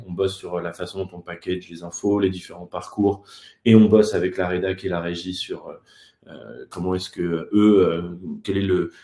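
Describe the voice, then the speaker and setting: A French man in his thirties appears as a guest on an online talk show, chatting casually and hesitating a lot. His voice is low and mellow, captured over a video call in an echoey room.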